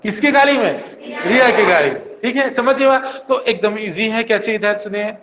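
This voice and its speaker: High-voiced man drilling a class. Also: animated, moderate pace, noisy background. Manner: repetitive call-and-response drilling. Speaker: coaching teacher. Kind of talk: classroom lecture with mnemonics. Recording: dull echoey classroom recording.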